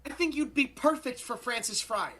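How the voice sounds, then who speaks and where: An actor playing an overeager school drama director who rushes through his words with enthusiasm. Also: high voice, a bit bright. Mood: eager. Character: eager theater-obsessed school drama director.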